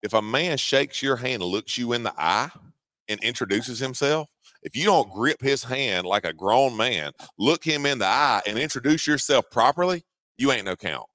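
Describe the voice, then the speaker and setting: A man's voice: mid-range voice, expressive, moderate pace, pushed and bright, no room sound. A man in his forties with a Georgia Southern accent, telling a folksy story on a sports talk show with lots of laughing. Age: 40s. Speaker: co-host.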